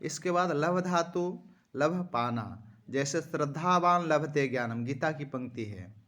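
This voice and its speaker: A man teaching Sanskrit grammar, slowly reciting verb forms one after another and speaking directly to his students. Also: fairly high pitch, a bit bright. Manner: slow, measured recitation of lists, addressing students directly. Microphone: phone screen recording.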